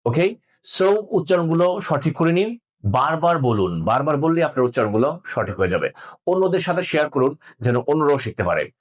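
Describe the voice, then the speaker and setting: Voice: medium pitch, very animated, a little fast. A teacher gives an online pronunciation lesson. They drill each word several times and coax learners to repeat after them.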